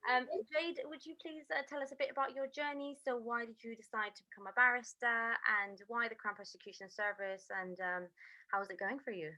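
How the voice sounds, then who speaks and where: A woman's voice: fairly high pitch, brisk, bright, forceful tone, poor audio. A woman hosting an online panel event, polite, with many ums and uhs.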